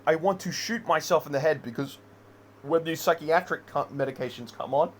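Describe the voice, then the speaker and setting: A man's voice: on the high side, normal speed, a little hiss or hum. A man in an unscripted personal rant, rambling, heavily profane and agitated. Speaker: vlogger.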